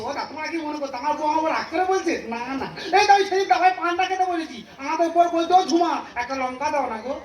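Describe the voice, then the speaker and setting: A woman's voice: high-pitched, racing, hardly any pauses, close to an everyday voice. A woman playing a dim, boastful village husband who poses as a boatman in a folk stage comedy, with joking, naive retorts. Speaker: stage comic performer. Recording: echoey, distant stage mic with faint music.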